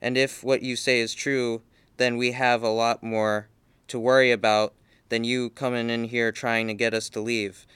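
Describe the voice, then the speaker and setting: A man's voice: mid-range voice, little pitch movement, normal speed, fairly bright tone, smooth, no room sound, close to an everyday voice. A man reading aloud, voicing a defiant elderly mother who refuses to give up her house. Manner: firm, commanding.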